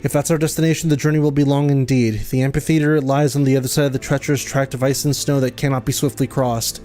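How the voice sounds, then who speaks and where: A man's voice: medium pitch, little pitch movement, fast talker, dark tone, faint music behind. A man streaming a game, reading its dialogue aloud, tripping over fantasy names and laughing often.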